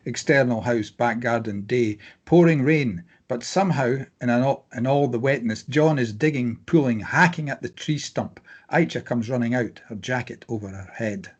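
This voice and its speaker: A man with a slightly husky, mid-range voice reads screenplay stage directions aloud as scripted narration, at normal speed with hardly any pauses.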